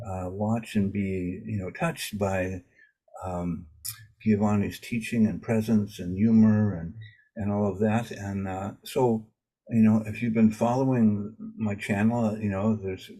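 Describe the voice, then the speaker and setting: A man with a low, mellow voice and a slightly husky edge hosts a casual video interview. He speaks haltingly and fills his sentences with uh and false starts. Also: rough recording. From Maine. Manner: halting, many uh fillers and restarts. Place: home in Maine.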